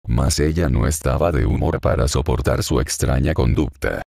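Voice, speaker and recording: A man reads a novel aloud as an audiobook narrator, in a measured and even manner. His voice is extremely deep and thick with gravelly fry. The sound is close and dry. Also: no room sound. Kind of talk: scripted narration.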